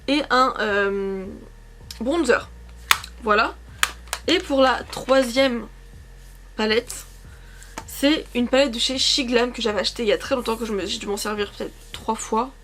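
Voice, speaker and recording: Chatty young woman, slightly high voice. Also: measured pace, long pauses, fairly bright tone, slight background noise. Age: 20s. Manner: chatty, rambling, self-correcting with many fillers. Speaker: beauty vlogger. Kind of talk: casual makeup chat. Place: sitting on her couch at home.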